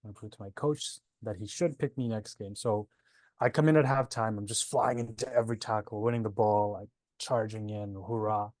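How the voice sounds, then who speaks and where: A man in his twenties, Nepal-born and living in Canada since seven, shares his personal journey in a conversational interview as a breathwork teacher. He speaks a little fast in a steady, lowish, darkish voice, on a dry recording.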